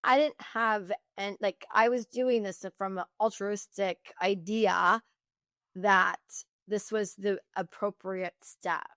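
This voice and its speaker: A woman who founded a company, talking candidly in an interview, fast and animated, with many restarts and "like.". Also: mid-range voice, dry recording, studio quality. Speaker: founder and guest.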